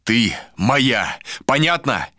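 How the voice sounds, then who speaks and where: This is an obsessive nobleman in an audiobook who gives orders and won't take no, read by a man in his own voice. The delivery is bright and forceful and swings widely in pitch. It is recorded close and dry. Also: very animated, slow pace, no echo, full character voice. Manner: commanding, then obsessive and menacing. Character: possessive, unhinged young nobleman. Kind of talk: audiobook character voice.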